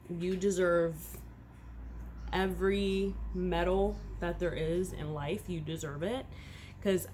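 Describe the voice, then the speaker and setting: Young mom rambling to camera at home, lowish voice, faint hiss behind. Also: female voice. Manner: candid, rambling, swings between hushed and loud. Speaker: vlogger, first-time mom. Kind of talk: casual confessional vlog.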